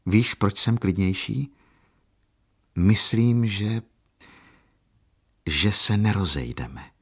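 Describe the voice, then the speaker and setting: A man's voice: fairly low pitch, expressive, a bit bright, breathy edge, exaggerated voice. A man voicing a defiant young woman in love. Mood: calm. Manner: impassioned, rising in defiance.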